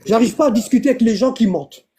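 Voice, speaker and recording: A man's voice: very high-pitched, fast, crowd noise. A man hosting a live online debate, arguing and repeating himself. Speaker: live stream host.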